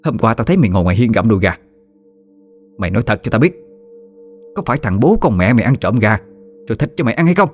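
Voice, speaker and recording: A man voicing a shrill, spiteful old village woman who scolds and curses her neighbours. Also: big pitch swings, brisk, long pauses, soft background music, close to an everyday voice. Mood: accusing.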